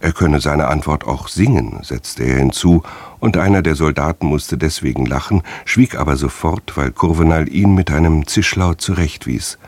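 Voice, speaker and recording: A man with a very deep voice narrates a radio story, measured and steady. The recording is dry and close, with no room sound. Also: no echo.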